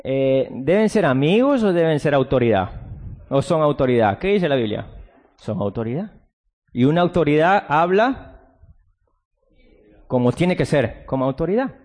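In a church, a man preaching as pastor alternates quiet, low passages with abrupt loud bursts and stretched-out emphasis, occasionally mocking soft-spoken answers. His intonation is lively, and the recording has a long reverb tail.

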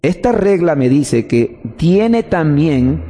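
A man's voice: a little high, very animated, slow, mellow, breathy edge, in a large hall. A man preaching a teaching sermon, explaining step by step and answering his own questions.

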